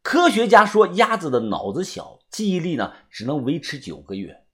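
A man narrating a first-person audiobook story in a lively, swinging storyteller manner. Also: on the high side, normal speed, breathy edge.

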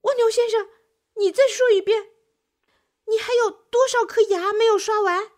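A woman voicing an impatient, hungry male turtle in a children's storybook, calling out loudly. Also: very high voice, very animated, slow, pitched above the performer's own voice, heavily acted. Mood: startled. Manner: shouting impatiently.

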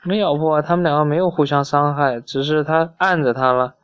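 A woman reading a picture book aloud to a child, pausing to ask patient questions in a conversational way. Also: low voice, fairly even intonation, dull audio, a little hiss or hum.

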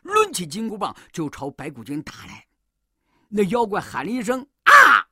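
A woman storyteller narrating a children's story in a slow, drawn-out, animated way. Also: fairly low pitch, slightly rough, no room sound, studio quality.

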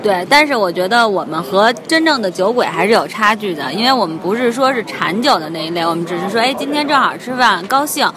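Young woman, Beijing accent, thick-tongued lisp from wearing braces, casual chat, middle pitch, busy background chatter. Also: lively intonation, fast, few pauses. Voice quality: thick-tongued, slightly lisping speech from wearing dental braces. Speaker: podcast co-host.

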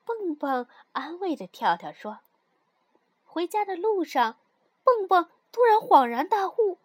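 A woman reads a bedtime story to children, slowly and soothingly. Her high voice rises and falls with a lot of expression. The sound is dry and close to the mic. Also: dry recording. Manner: slow, soothing, expressive reading.

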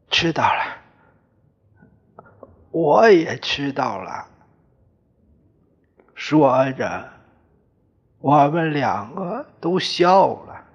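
Male audiobook narrator, first person, very slow pace, fairly high voice. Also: husky. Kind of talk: first-person novel reading. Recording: dull lo-fi recording.

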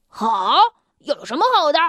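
A woman voicing a bad-tempered, shouting grumpy man in a children's storybook, curt and yelling. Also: high voice, sing-song, a little slow, no echo, studio quality, full character voice. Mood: angry shouting.

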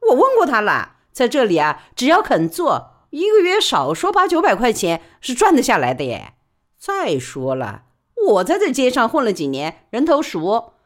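Woman playing a stubborn working-class woman, Wuhan dialect, quick and bright, lively pitch. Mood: determined.

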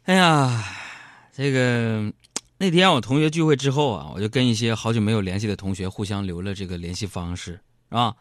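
A man's voice: on the low side, fairly quick. A man hosting a radio show, telling comic self-mocking stories into a studio microphone. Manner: joking, self-mocking, acts out quoted voices. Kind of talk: comic storytelling monologue.

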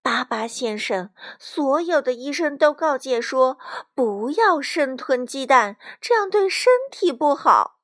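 A woman's voice: sits high, lively intonation, a little slow, a bit bright, no room sound, clean studio sound, pitched above the performer's own voice. A woman doing a sensible mother hen. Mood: calm. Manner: explaining, reassuring.

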